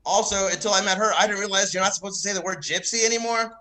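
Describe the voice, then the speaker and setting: Bright-voiced man doing stand-up. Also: high voice, fairly even intonation, poor audio. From American South. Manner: rapid, laughing, swearing storyteller. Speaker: stand-up comic. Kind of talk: stand-up set.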